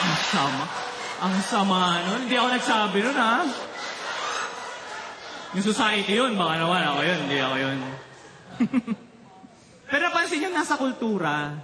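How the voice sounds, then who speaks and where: A man's voice: high-pitched, reverberant, noisy background. A man from the Philippines doing a stand-up comedy routine, telling stories and teasing the audience. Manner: animated storytelling, teasing the crowd.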